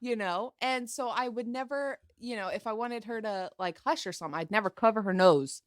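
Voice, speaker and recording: A woman in her thirties telling a story as a podcast guest, animated and laughing as she acts out her own past thoughts. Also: on the high side, a little fast, no echo, studio quality. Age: 30s. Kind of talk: casual storytelling chat.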